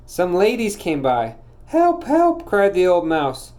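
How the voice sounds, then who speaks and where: A man's voice: high-pitched, animated, unhurried, a little mellow, a little hiss or hum. Man reading a storybook aloud. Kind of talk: reading a children's book aloud.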